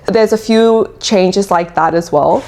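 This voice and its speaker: A woman's voice: medium pitch, slow pace, darkish tone. A young woman from South Africa with a South African English accent, chatting to camera in a casual vlog and explaining things with fillers and restarts. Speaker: vlogger.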